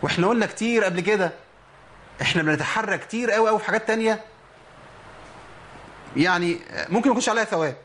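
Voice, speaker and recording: Male Egyptian tutor for a recitation lesson, slightly high pitch, patient Q-and-A delivery, light noise floor. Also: a bit bright. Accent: Egyptian Arabic. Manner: explanatory, asks and answers his own questions, slowly demonstrates sounds. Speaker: Quran recitation teacher. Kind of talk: instructional lesson on pronunciation.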